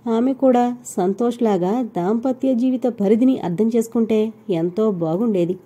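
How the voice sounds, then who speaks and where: A woman narrating a novel in a steady, measured storytelling voice. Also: on the high side, slightly rough. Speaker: audiobook narrator. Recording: dull lo-fi recording.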